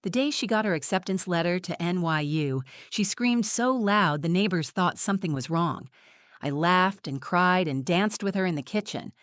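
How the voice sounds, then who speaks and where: A woman in her forties giving a measured, reflective first-person narration of a scripted story. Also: fairly low pitch, expressive, no echo, clean studio sound.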